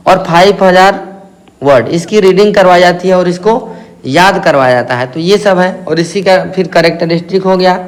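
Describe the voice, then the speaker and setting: A male teacher with a north Indian accent giving an exam-prep lecture, posing questions and answering them himself, repeating key terms slowly. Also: high voice. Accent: Hindi-speaking north Indian.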